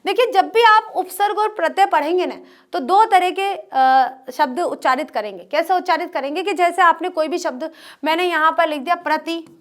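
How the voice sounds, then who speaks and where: A woman's voice: extremely high pitch, normal speed. A woman teaching an exam-prep grammar lesson to students, asking questions and answering them herself and repeating the key terms.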